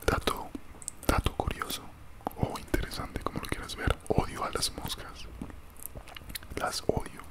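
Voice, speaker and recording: A young man whispers casually in a breathy ASMR style right up at the microphone, chewing gum as he chats. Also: a little slow, long pauses. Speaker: ASMR creator. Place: small room indoors at home. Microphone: large desktop condenser mic, very close.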